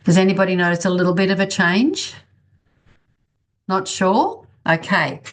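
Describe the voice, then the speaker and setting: A woman's voice: medium pitch, expressive, normal speed. A woman instructing a bodywork workshop over a video call, talking informally and encouragingly as she guides and checks on participants. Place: online video-call class.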